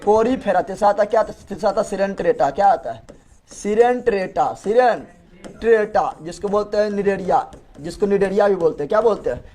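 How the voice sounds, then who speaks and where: A man's voice: high voice, darkish tone. A male teacher gives a classroom lecture, asking a question and repeating the answer over and over. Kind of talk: classroom lecture with call-and-response.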